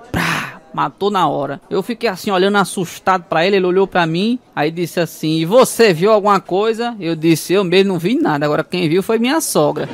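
A man telling mother-in-law jokes, chuckling through his punchlines and acting out the voices. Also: high voice. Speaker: stand-up comedian.

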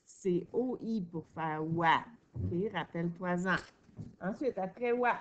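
A woman with a Québécois accent teaching a reading lesson to children, sounding out words slowly and praising answers. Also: fairly low pitch, highs cut off. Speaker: primary school teacher.

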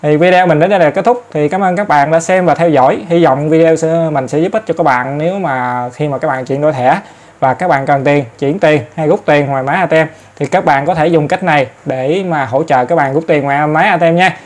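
Chatty man, slightly high. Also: a little fast. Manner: chatty, repeats filler words, addresses viewers often. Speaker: tutorial host. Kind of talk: casual step-by-step phone tutorial. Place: in front of an ATM for part.

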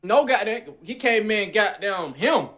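Here the young man's voice sits high but he takes his time, reacting as a guest to amateur rap songs on a video call from inside a room. The mood stays rowdy and casual, full of slang, profanity and animated energy.

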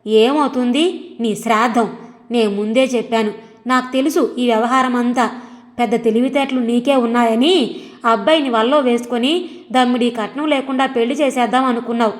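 Brief: woman doing a harsh, berating middle-aged husband, fairly high voice, reverberant room. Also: normal speed, close to an everyday voice. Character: angry scolding middle-aged husband and father.

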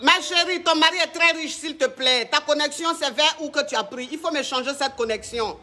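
A man's voice: extremely high pitch, brisk, bright, forceful tone. A man hosting a comic call-in show as a flamboyant, bossy self-styled coach who mixes broken English with French.

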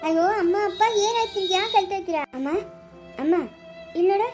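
A loving young daughter, played by a young woman in a family drama, who comforts and reassures her parents. She speaks in a very high voice, gently repeating herself. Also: fast, soft background music, rough recording. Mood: anxious. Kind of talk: family short drama acting.

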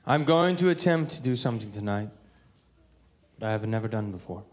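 A man playing a mysterious, commanding stage hypnotist, intoning in a slow, dreamy hypnotic manner into a handheld microphone. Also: on the low side, a little mellow. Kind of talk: hidden-camera prank stage act. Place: comedy club stage.

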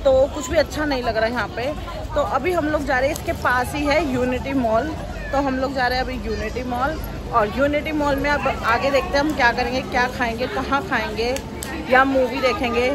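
A woman's voice: sits high, moderate pace. A woman in her thirties, vlogging casually to a phone held at arm's length in a busy mall, talking in a chatty, complaining way. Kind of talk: casual vlog to camera. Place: busy mall and outdoor amusement park. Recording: loud crowd and noise behind. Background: crowd chatter.

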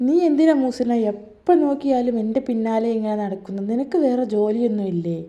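A woman's voice: fairly high pitch, fairly quick, dark tone, highs cut off, lightly acted. A woman voicing a harsh young husband who scolds his wife curtly. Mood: scolding. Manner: curt, scolding.

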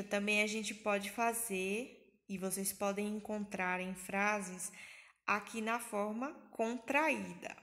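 A woman's voice: medium pitch, sharp tone. A woman from Brazil with a Bahia accent, teaching an English grammar lesson in Portuguese, patiently repeating and translating each example.

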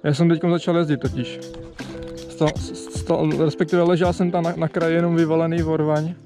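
High-voiced man chatting on a motovlog. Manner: slangy, relaxed, laughs often. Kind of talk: casual motovlog chat. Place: outdoors on an industrial lot. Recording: loud music laid over voice.

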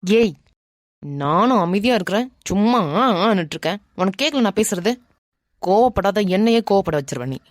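A woman voicing a brash, bossy but softhearted young man in a cartoon, muttering to himself and scolding, with a Kanyakumari Tamil accent. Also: medium pitch, animated, moderate pace, no room sound, clean studio sound, natural voice. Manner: mutters to himself, scolds then turns gentle. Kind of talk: animated cartoon dialogue.

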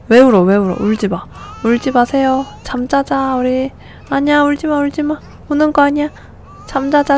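Woman narrating her game, kinda high voice, fussy and exclaiming a lot, little game music under it. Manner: fussing, exclaiming, coaxing sleepy babies. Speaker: gameplay streamer. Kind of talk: casual game commentary.

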